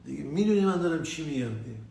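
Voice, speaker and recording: A man from Tehran telling crude personal stories in a rambling, profane, animated way. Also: on the high side, creaky. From Tehran, Iran. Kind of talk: casual storytelling monologue. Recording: echoey room with faint ambient noise.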